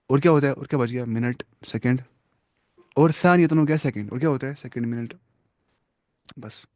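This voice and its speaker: A man's voice: mid-range voice, darkish tone, dry recording, clean studio sound. A man teaching an Arabic lesson, patiently quizzing his students and praising their answers, with English words mixed into his explanations. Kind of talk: classroom-style language lesson.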